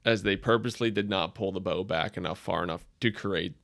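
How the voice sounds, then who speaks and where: A man's voice: deep voice, fairly quick, gravelly, a bit bright. A man hosting a casual podcast chat, leading the discussion with wry jokes. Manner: leads the discussion, wry and joking. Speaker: podcast host.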